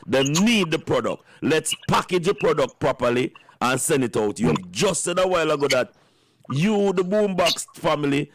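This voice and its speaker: A man's voice: on the high side, a bit bright, slight background noise. A man with a Jamaican accent hosting radio in Rasta-style patois, speaking emphatically and repeating phrases for effect. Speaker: radio host. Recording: music playing behind the voice. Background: music.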